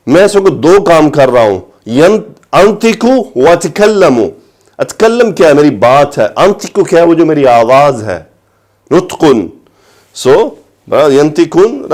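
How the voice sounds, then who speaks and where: A man teaching Arabic grammar of scripture in a lecture, reciting phrases slowly and then explaining them, lifting his voice to stress a point. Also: on the high side, a little mellow.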